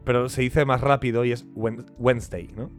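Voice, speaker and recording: A man's voice: medium pitch, level tone, a little fast, soft background music. A man from Spain with a Spanish accent, co-hosting a podcast in easygoing chat with frequent laughs. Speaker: podcast co-host. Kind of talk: casual chat.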